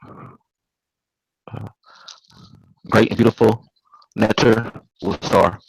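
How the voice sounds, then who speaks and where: Class participant on a call: low, dry male voice, halting delivery, mic distortion and dropouts throughout. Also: fairly even intonation, vocal fry, husky, no echo. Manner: halting, tries words out and corrects himself. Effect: distorted, breaking-up mic. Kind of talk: reading a translation attempt over a live call.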